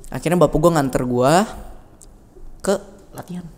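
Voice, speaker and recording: A man's voice: fairly high pitch, normal speed. A young man, a school alumnus telling his story as a podcast guest and acting out the people he quotes. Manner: animated storyteller who acts out quotes. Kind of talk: casual podcast chat. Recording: reverberant room with faint noise.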